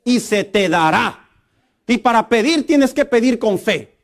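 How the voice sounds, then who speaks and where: A middle-aged male pastor, preaching a lively, humorous sermon and acting out quotes. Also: extremely high pitch, unhurried.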